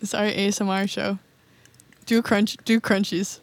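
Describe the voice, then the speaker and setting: A woman's voice: medium pitch, flat delivery, normal speed. A woman co-hosting a podcast in casual chat, playful and teasing with her co-host. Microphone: podcast mic.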